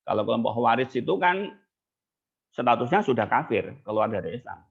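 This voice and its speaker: A man's voice: medium pitch, big pitch swings, a little fast, creaky, husky. A man telling stories in a casual, chatty sermon as a religious teacher. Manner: casual, chatty, mixes in local words. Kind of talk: storytelling sermon. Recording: tinny phone-like line.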